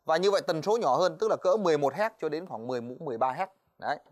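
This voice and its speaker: A man teaching physics in a televised exam-review lesson, talking to students in a chatty way with many fillers and quick checks for understanding. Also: on the high side. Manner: quick, chatty, stops often on "đấy" and "ờ"; addresses students directly, asks "right?".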